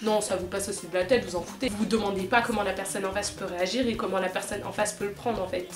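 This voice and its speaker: A woman's voice: mid-range voice, fairly even intonation, fast. A woman vlogger speaking firmly and indignantly, appealing directly to her viewers. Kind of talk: earnest direct-to-camera talk. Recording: echoey room with music behind.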